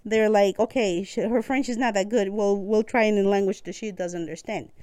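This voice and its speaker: Costa rican woman, spanish native, chatty and laughing a lot, clear voice, dry close mic. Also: medium pitch, steady tone, brisk, dry recording. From Costa Rica. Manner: warm, chatty, laughs often. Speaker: guest. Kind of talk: casual conversation.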